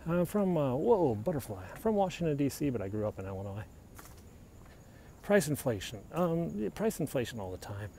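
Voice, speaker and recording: A middle-aged American man with a medium-pitched, creaky, dark voice and big pitch swings chats at a moderate pace on a live stream. He answers viewers' questions while walking on a hilltop outdoors, filming on a handheld phone, and the recording is noisy.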